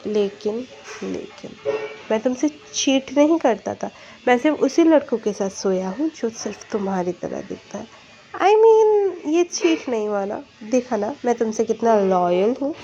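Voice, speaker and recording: A woman voicing a scheming young man, a manipulative ex-lover, in a taunting, shrill way. The recording is muffled and lo-fi. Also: animated, a little slow, mellow. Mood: mocking. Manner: taunting, then shrill and pleading.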